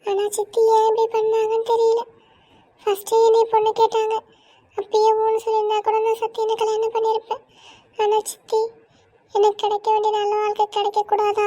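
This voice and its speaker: A gentle young stepdaughter speaks softly and pleadingly, close to tears, as a woman voices her. Her voice is very high and stays flat, cartoon drama style. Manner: soft, pleading, tearful monologue. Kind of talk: cartoon voice acting.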